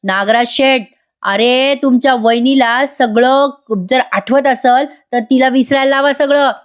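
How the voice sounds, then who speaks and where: A woman's voice: sits high, steady tone, pitched above the performer's own voice. A woman voicing a ruthless villainous man who orders his henchmen about. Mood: commanding. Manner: bossy, slow and commanding.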